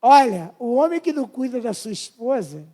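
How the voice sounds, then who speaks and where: A man's voice: very high voice, sing-song, normal speed, mellow. A man in his fifties with a Brazilian Portuguese accent, preaching a fervent testimony to a congregation. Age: 50s. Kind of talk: sermon testimony.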